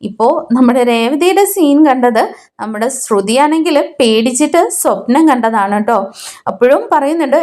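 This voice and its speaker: A woman's voice: sits high, a little mellow. A woman from Kerala, India, retelling a TV serial episode in a chatty, casual storytelling way. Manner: chatty, frequent tag particles.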